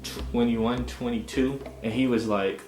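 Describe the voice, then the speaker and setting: With a medium-pitched voice and a slightly slow delivery, a storytelling vlogger in his twenties from Augusta, US, shares a personal tale. He's animated and slangy, often adding "you know what I'm saying," and music plays in an echoey space.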